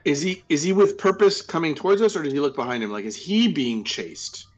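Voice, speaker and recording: A man playing a tabletop game, giving deliberate instructions. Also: a little high, animated. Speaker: player.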